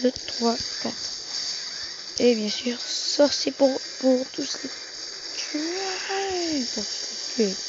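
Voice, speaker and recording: A gaming video host whose voice sits high talks casually and haltingly over a mobile game, frequently restating and fixing what he says. The amateur audio is muffled and very noisy.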